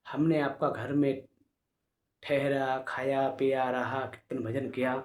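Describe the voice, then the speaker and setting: A patient old guru teaches his hosts calmly and politely, played by a male storyteller. His words echo in a roomy space. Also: mid-range voice, slow, lightly acted. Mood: instructive. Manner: calm, instructive.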